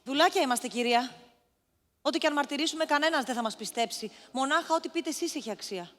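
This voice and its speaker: A woman's voice: sits high, a bit bright, big-room sound. An actress playing a humble serving woman who speaks submissively to her mistress. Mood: resigned. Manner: submissive and resigned.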